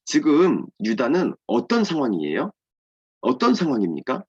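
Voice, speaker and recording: A man's voice: mid-range voice, huge pitch swings, normal speed, breathy edge. A man voicing an earnest male royal official who pleads heartfeltly, in a children's Bible lesson. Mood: asking anxiously. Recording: dull lo-fi sound.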